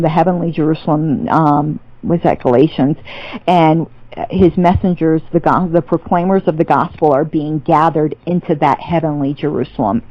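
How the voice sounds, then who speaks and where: In this dry recording with the highs cut off, a low-pitched woman appears as a guest on a podcast. Her casual theological interview is thoughtful but full of fillers and false starts.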